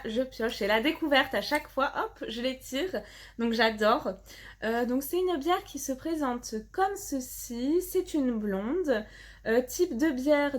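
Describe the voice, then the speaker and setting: A woman reviewing a beer box on her channel, chatting casually with many fillers while reading out the labels. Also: high-pitched. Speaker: box unboxing vlogger.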